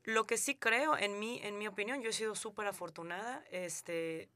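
A Mexican actress with a Mexican accent speaks earnestly as a guest on a radio interview, with frequent fillers and restarts. Her medium-pitched voice is pushed and bright, at a moderate pace, and the recording is dry.

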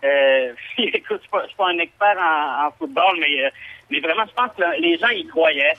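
Brief: Quebec French man, slightly high voice, easygoing caller, dull muffled line. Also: lively intonation. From Lac-Saint-Jean, Quebec. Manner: easygoing, joking, halting. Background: celebrating crowd noise.

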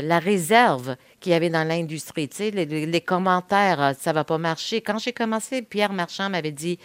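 A woman in her fifties from Quebec, a native Spanish speaker, reflects candidly on her career as an interview guest. Her voice sits low for a woman, and it sounds dry and close, with no room echo. She pauses often on hesitant "euh"s. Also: clean tone. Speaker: guest, veteran TV host.

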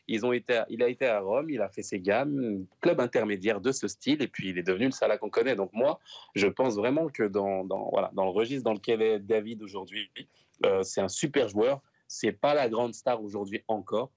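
A man, a former player, talking soccer in a casual panel, measured and thoughtful. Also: fairly low pitch, darkish tone, dry recording. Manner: measured, thoughtful, drops fillers.

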